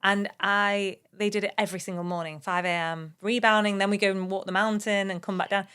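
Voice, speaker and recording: A woman's voice: mid-range voice, flat delivery, a bit bright, clear, resonant tone. A woman hosting a podcast, chatting in an enthusiastic way and agreeing readily. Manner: enthusiastic, quick to agree and laugh. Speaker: podcast host. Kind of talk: casual podcast chat.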